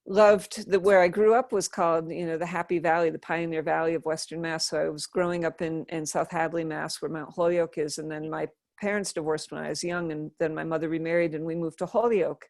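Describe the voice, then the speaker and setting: A woman's voice: sits low, level tone, fairly quick, hardly any pauses, darkish tone, dry recording, studio quality. A middle-aged woman from Western Massachusetts, chatting and laughing as she tells stories in an interview. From Western Massachusetts, USA. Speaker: interview guest. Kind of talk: casual storytelling.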